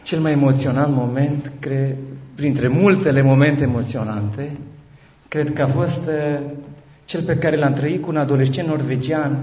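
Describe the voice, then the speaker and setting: A man preaching as a bishop, telling stories in a lively way, his voice climbing high when he gets excited and often restarting his words. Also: a little hiss or hum. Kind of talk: sermon with storytelling. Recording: dull echoey hall recording.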